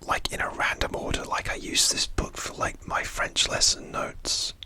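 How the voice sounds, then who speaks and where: A person whispering a gentle ASMR pep talk, confiding and a little hesitant, close to the microphone. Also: normal speed, no room sound. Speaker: ASMR video host.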